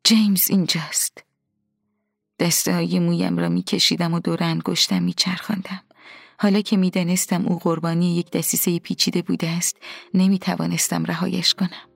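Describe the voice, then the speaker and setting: A woman reading a first-person story aloud in a soft, hushed, partly whispered way, with a husky voice. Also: fairly low pitch, little pitch movement, no echo, studio quality. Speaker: audiobook narrator. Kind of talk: scripted first-person narration.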